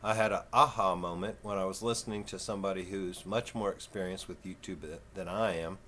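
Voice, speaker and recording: A man in his fifties with a Texan southern twang, talking slow and folksy in a rambling, casual vlog. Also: deep voice, fairly even intonation, a bit bright, a little hiss or hum. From Texas. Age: 50s. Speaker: vlogger.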